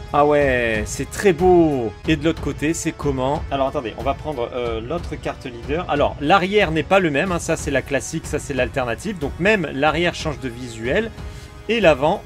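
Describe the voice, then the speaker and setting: A man casually commenting as he opens card boosters one by one, excitable and chatty. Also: fairly high pitch, measured pace, soft background music. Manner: excitable, hyped, roll-calling card names. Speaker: card opening host.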